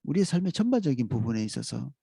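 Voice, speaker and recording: A man preaching a dawn sermon as pastor, in a calm, reflective way with pauses. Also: mid-range voice, creaky, husky, no room sound.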